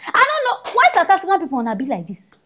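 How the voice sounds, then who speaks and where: A woman's voice: extremely high pitch, rapid-fire. A woman with a Nigerian accent giving casual, scolding commentary as a vlogger. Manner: animated, scolding.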